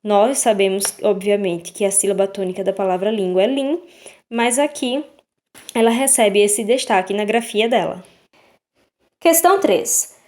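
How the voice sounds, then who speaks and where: A woman teacher goes through textbook exercises step by step. Her voice sits a little high, and she often pauses to check in with her students. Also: darkish tone. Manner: patient, checks in with "tá?" and "certo?". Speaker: Portuguese teacher.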